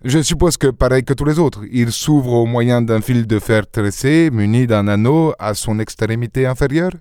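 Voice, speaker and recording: A man reading an audiobook, voicing a calm, self-assured gentleman detective who explains his reasoning in a slightly lecturing tone. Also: mid-range voice, normal speed, smooth, no echo, studio quality, lightly acted.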